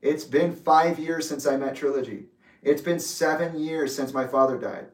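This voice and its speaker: A man in his late twenties giving an intense, accusatory personal reflection, speaking deliberately. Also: a little high, fairly even intonation. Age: 20s. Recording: echoey room, distant mic.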